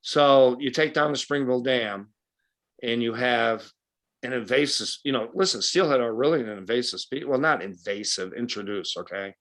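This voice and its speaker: A man's voice: mid-range voice, moderate pace, fairly bright tone. Blunt, folksy man from western New York. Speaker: guest speaker, fishing guide. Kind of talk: casual club talk.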